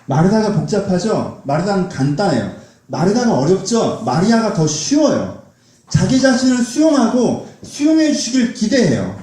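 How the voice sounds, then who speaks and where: Animated man preaching in an echoey hall. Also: high-pitched, normal speed. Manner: conversational, asks the congregation questions. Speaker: pastor. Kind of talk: sermon.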